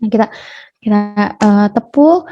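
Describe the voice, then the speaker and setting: A woman's voice: mid-range voice, animated, measured pace. Chatty woman on a dull webinar line. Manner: chatty, playfully acts out parents scolding. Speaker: parenting class speaker. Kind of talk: casual online webinar talk. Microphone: video call.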